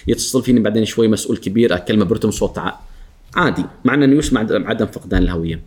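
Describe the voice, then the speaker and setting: A man, a guest speaker on workplace etiquette, talking in a lively way, acting out coworkers' lines and often laughing. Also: on the low side, racing, husky. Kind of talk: animated talk show chat.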